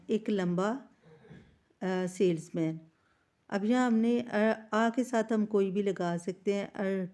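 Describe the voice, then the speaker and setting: Slow, mellow-voiced woman teaching. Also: mid-range voice. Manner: slow and explanatory, reads English sentences aloud word by word. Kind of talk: explaining an English workbook lesson.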